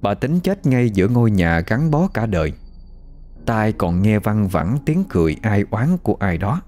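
A man narrating a scripted ghost story in an expressive storytelling manner. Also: lowish voice, moderate pace.

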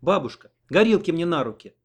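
A brisk young woman taking charge, as a male reader puts her on. The voice rises above his own narration, decisive and quick. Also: a little high, sing-song, pitched above the performer's own voice.

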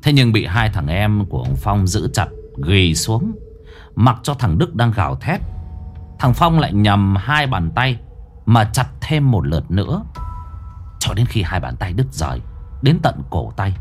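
A man's voice: lowish voice, big pitch swings, unhurried, soft background music. A man narrating a scripted horror story in a dramatic, vivid way.

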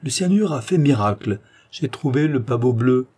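A man voicing an excitable elderly godfather who proudly shows off his flower, exclaiming with delight. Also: mid-range voice, moderate pace, husky, close to an everyday voice. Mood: boastful. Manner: eager, exclamatory, boastful.

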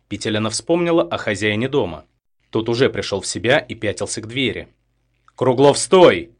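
A man narrating a thriller audiobook in a steady, tense manner. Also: lowish voice.

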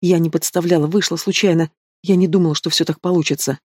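A frightened young woman pleading through tears, as a male reader acts her out. The voice sits high and strained, close and dry with no room sound. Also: steady tone, fast talker, darkish tone, no room sound, natural voice. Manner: pleading, tearful.

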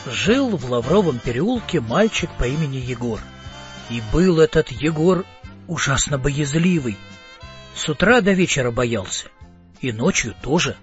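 A man narrating a children's story in a playful, expressive way. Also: mid-range voice, measured pace, soft background music. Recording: slightly muffled audiobook.

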